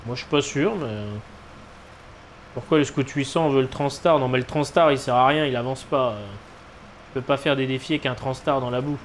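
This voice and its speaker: A man's voice: mid-range voice, fairly even intonation, normal speed. A man giving casual live commentary as he streams a game, with noncommittal, shrugging asides. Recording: clear background noise, game ambience.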